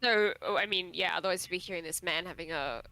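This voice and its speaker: A woman's voice: fairly low pitch, fast talker, sharp tone. A woman playing a tabletop role-playing game, speaking with wry, formally phrased sentences. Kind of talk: casual in-character game talk.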